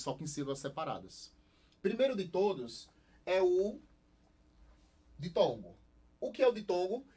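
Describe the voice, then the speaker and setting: Lively Brazilian man teaching a class. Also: on the high side. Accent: Brazilian Portuguese. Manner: lively, asks the class questions and answers them himself. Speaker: Portuguese teacher. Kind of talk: recorded online class lecture.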